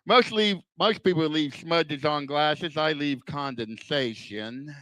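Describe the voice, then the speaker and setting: An older male stand-up comic speaks in a fairly high, bright voice. His heavy lisp slurs words and whistles on wet S sounds, as if he had no front teeth. He sets up self-deprecating punchlines deliberately, and the sound is close and dry. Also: no echo, low-quality recording. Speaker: stand-up comedian. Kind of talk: stand-up comedy routine.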